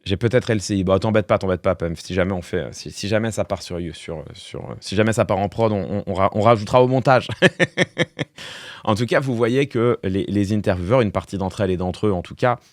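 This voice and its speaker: A man's voice: on the low side, a little fast, no room sound, studio quality. A man streamer giving casual live-stream commentary, thinking aloud with fillers and restarts. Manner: talks through thoughts with fillers and restarts, wry laughs.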